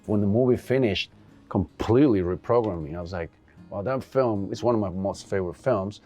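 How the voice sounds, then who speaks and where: A man's voice: on the low side, a little fast, mellow, soft background music. A man in a casual interview, earnestly telling stories about making a film. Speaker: film director guest.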